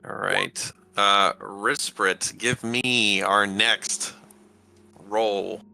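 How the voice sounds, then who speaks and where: Man, game master, slow halting narration, low-pitched, gravelly. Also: steady tone, bright, forceful tone, faint music behind. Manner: halting, full of fillers and restarts.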